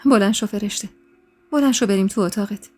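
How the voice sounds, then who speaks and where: A woman's voice: mid-range voice, soft background music, natural voice. Storybook older brother, protective and comforting, played by a woman. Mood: tender. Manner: firm then gentle, comforting.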